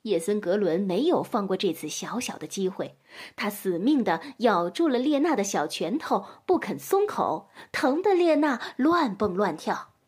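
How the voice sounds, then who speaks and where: A woman reading a children's story aloud in a gentle, expressive storytelling manner. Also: mid-range voice, normal speed, breathy edge.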